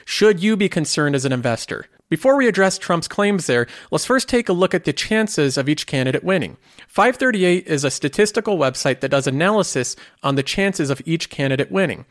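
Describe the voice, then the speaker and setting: A man's voice: fairly high pitch, expressive, brisk, no echo, studio quality. A man hosting a finance video, explaining in scripted commentary and posing rhetorical questions.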